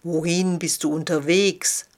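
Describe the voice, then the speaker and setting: A woman voicing a rough-voiced, self-doubting lame man on crutches in a storybook reading. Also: fairly low pitch, little pitch movement, unhurried, close to an everyday voice. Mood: eager. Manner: self-deprecating, then eager.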